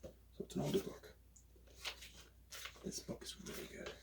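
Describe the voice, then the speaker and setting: A man doing a whispered role-play as a librarian recommending books, in a hushed, breathy library whisper. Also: moderate pace, noisy background.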